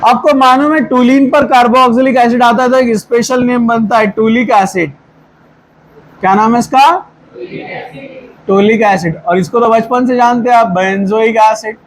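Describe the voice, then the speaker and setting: High-voiced man teaching a chemistry class. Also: steady tone, normal speed, a little hiss or hum, low-quality recording. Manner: coaxing, quizzing students with repeated questions. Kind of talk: classroom lecture.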